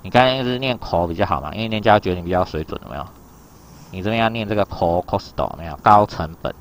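A man's voice: sits low, fast, slight background noise. A man teaching an exam reading lesson, explaining in a loose chatty way and keeping asking his students whether they follow. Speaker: Japanese teacher.

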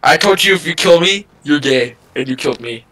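A man's voice: fairly high pitch, animated, fairly quick, pushed and bright. A man in online game voice chat, taunting and complaining in a sing-song chant. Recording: noisy voice-chat mic.

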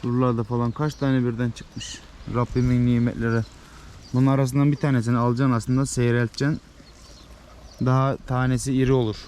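A man vlogging outdoors while herding, talking casually to his viewers and calling loudly to his dog and sheep. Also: mid-range voice, flat delivery, fairly quick. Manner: chatty, addresses viewers as friends. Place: outdoors in rural fields. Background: faint outdoor noise.

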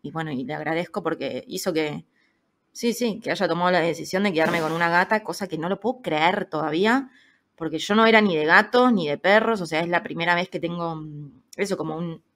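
A woman in her thirties with an Argentine Spanish accent and a slightly low voice. She tells a personal story in an easy, chatty podcast manner. She brings the people she quotes to life with little changes of voice. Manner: lively, acts out quoted voices. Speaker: podcast guest. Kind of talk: casual storytelling chat.

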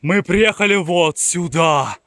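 A man's voice: high-pitched, slow, a bit bright. A man in a casual vlog, calling out playfully to test the echo in a hollow, cave-like space. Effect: cave-like echo around the voice. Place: echoey enclosed space, hollow stone chamber. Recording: roomy echo, voice far from the mic, faint noise.

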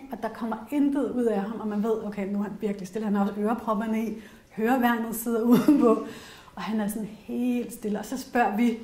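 A woman's voice: on the high side, warm tone. A middle-aged woman with a Danish accent giving a casual workshop talk to a small group, chatty and candid, with frequent fillers and personal anecdotes. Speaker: workshop presenter on essential oils. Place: workshop room with an audience. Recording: roomy echoey workshop room.

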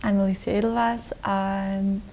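A young woman from Austria talks as an interview guest, rambling in a relaxed way with many fillers. Her voice is mellow and stays fairly level in pitch. A faint low rumble sits behind her in a dark studio. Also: a little slow, gravelly, low-quality recording. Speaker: guest musician. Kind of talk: casual interview answers. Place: dark television studio set.

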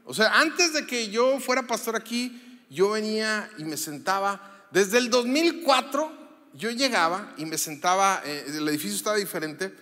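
A man's voice: sits high, lively intonation, moderate pace, sharp tone. A man, a pastor giving a chatty, story-filled sermon with lots of fillers and asides to the audience in a church auditorium. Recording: long hall reverb.

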